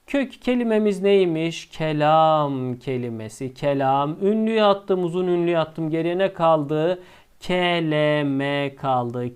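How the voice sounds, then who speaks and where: A male teacher explaining a lesson step by step, asking himself questions and answering them, and drawing out the key words slowly. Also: a little high, darkish tone, clean tone.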